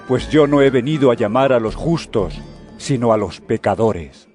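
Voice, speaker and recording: A man playing Jesus as a calm, earnest male teacher in a dramatized audio Bible, speaking in a measured way. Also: medium pitch, natural voice. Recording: music bed behind voice. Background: background music.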